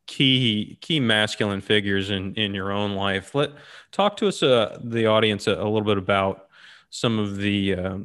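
Male interview host with a lowish voice, a rambling, thoughtful questioner. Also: a bit bright. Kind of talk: casual interview.

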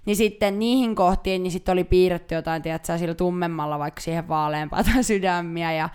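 A woman's voice: on the low side, darkish tone, clean tone. A young woman co-hosting a podcast, telling long rambling stories in casual chat with lots of fillers. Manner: rambling, chatty storytelling with many fillers. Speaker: podcast co-host.

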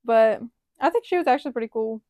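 A woman's voice: a little high, expressive, fast, warm tone, dry recording. A teenage girl co-hosting a podcast, talking casually and hesitantly, filling with many "like"s. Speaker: podcast co-host. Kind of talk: casual chat.

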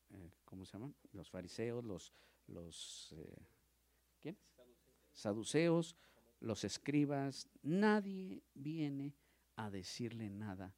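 A man teaching a Bible study as a pastor, animated, asking his listeners questions, dropping to near-whispers and rising loud when he acts out quotes. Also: low voice. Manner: asks the audience questions, repeats words.

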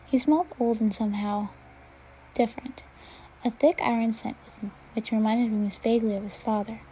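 Woman reading fan fiction aloud, mellow tone. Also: on the high side, a little fast, slight background noise, rough recording. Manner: steady reading with occasional slips and restarts. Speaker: reader.

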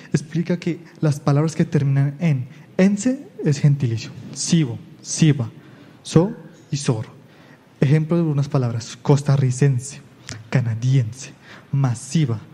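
Young guy slowly reading word lists as a mock correspondent, very dark voice, echoey room. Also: medium pitch, breathy edge. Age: young adult. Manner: slow, listing reading. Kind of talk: reading word examples as a news report.

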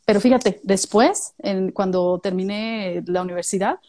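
A woman chatting casually about speaking skills, lively and acting out little voices as examples. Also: medium pitch, unhurried. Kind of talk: casual chat giving speaking tips.

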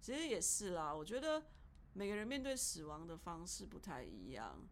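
A woman co-hosting a podcast in a casual, heartfelt chat with a Taiwanese Mandarin accent, halting and repeating words as she speaks. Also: fairly low pitch, sing-song, a little hiss or hum. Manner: emotional, halting, repeats words when upset. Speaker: podcast co-host.

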